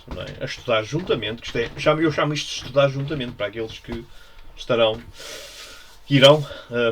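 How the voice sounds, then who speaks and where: A man's voice: mid-range voice, a bit bright, a little hiss or hum. A man with a European Portuguese accent giving an informal Bible study, musing and repetitive, often checking with his listeners. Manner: musing, repetitive, frequent tag questions. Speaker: religious teacher.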